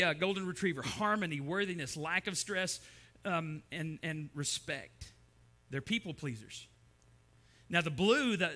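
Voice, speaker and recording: A pastor in middle age preaches in a church sanctuary with a high-pitched, bright, forceful tone. Storytelling drives the sermon, and he voices the figures in his anecdotes himself.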